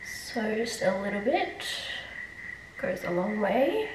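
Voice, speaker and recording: A woman's voice: medium pitch, very animated, slow, very noisy. A young woman with a nasal, congested voice from blocked sinuses, chatting casually through her skincare routine in a rambling, self-deprecating way. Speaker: beauty vlogger. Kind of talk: casual skincare vlog chat. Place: echoey bathroom. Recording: echoey room, mic at a distance.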